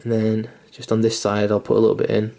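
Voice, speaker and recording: This young man's voice is fairly low, gravelly, and mellow, delivered in a monotone at a quick pace. He's hiccuping through a casual miniature painting tutorial, wandering a bit with fillers, restarts, and the odd swear, mildly self-deprecating and sweary throughout.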